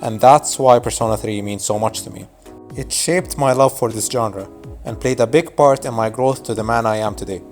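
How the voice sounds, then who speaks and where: Faint music plays beneath this YouTube narrator, a twenty-something native Arabic speaker reading a scripted video essay. He speaks at a medium pitch and moderate pace with a darkish tone, keeping things relaxed, wry and nostalgic.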